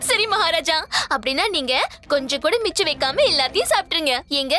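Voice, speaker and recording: A woman's voice: high voice, expressive, fast, sharp tone. An actress playing an eager young woman who coaxes a blindfolded king to taste her food, in a TV serial. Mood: playful. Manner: playful, coaxing. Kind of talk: TV serial acting.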